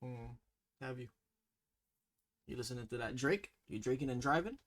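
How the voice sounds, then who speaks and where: A man's voice: medium pitch, moderate pace, fairly bright tone. Teasing Toronto man hosting a slang quiz. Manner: teasing, mock-stern, slangy. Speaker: quiz host. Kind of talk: casual slang quiz banter.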